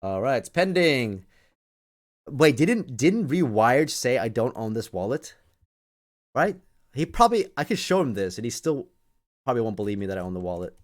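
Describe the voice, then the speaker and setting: A medium-pitched, very animated man hosts a livestream at a moderate pace, pausing often. His casual live commentary comes in repetitive, stop-and-start phrases, and he frequently talks straight to his listeners.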